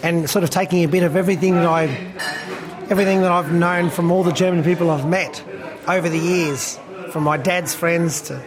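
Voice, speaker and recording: With a crowd in the background, this Australian man in his fifties, who plays in a band, talks fairly quickly in a slightly high voice with fairly even intonation. The casual interview chat takes place in a busy beer hall restaurant, and he rambles with plenty of fillers and laughs.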